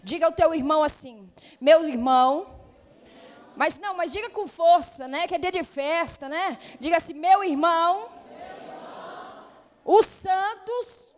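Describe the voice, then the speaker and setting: In a church hall full of lingering reverb, a high-voiced woman preaches a Pentecostal sermon as a missionary. Her paulista accent marks her as coming from São Paulo state in Brazil, and her fervent delivery shifts from quiet greetings into loud, pressing exhortation.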